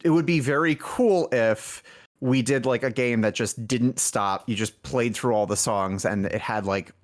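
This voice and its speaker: Guesting on a podcast, this male indie developer who also leads the music talks in a mid-range voice at a measured pace. The casual interview finds him meandering and cutting himself off mid-thought.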